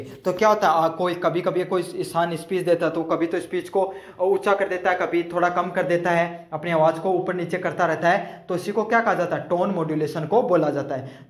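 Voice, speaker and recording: Man, exam tutor, high voice, asks himself questions then answers, repeats points, roomy echo. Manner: repeats and rephrases each point. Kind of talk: explaining multiple-choice answers.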